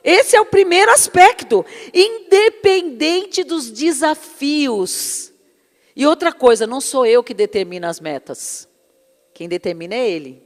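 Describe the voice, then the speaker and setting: A slightly high female voice, carried on a long reverberant tail, preaches with fervor and shares personal testimony. She calls those listening brothers and beloved.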